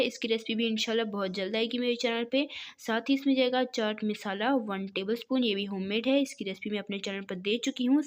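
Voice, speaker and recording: Pakistani woman narrating a home recipe. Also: on the high side. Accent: Pakistani Urdu. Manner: friendly, instructive, repeats measurements twice. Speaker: cooking channel host.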